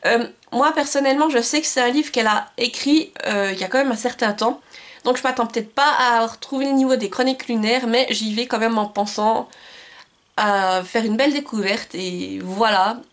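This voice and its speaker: A woman's voice: fairly high pitch, moderate pace. A woman book vlogger chatting enthusiastically about books she received and bought, recorded on a camcorder. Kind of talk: casual book haul chat.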